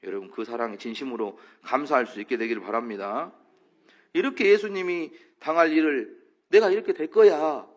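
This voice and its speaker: A male pastor delivers a sermon with a lively, swooping delivery in a fairly high voice. He keeps questioning the congregation and acts out short quotes as he goes. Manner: animated preaching, acting out quotes, asking the congregation questions. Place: church.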